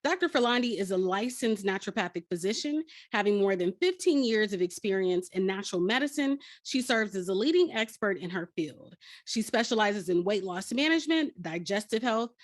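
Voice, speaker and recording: Woman hosting a podcast, bouncy lively voice, really upbeat, dry room. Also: mid-range voice, no echo. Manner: upbeat, affirming interviewer. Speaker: podcast host. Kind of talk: podcast interview.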